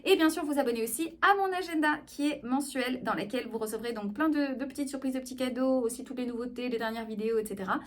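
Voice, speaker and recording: Higher-voiced woman teaching vocal technique. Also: fast talker, few pauses. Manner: lively teaching tone, checks in with listeners. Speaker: speech therapist. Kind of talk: explanatory video lesson.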